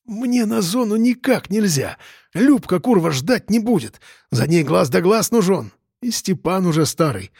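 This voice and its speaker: A man's voice: sits high, big pitch swings, a little slow, creaky, a little mellow, slightly rough, no room sound, clean studio sound, voice pushed up, exaggerated voice. A man voicing a whiny, unshaven male petty thief who sniffles and pleads in a raised voice. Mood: begging.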